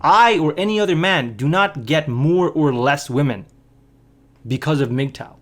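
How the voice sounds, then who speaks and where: A man hosting a casual reaction commentary, talking in a calm, measured, analytical way. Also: fairly high pitch. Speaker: commentary video host.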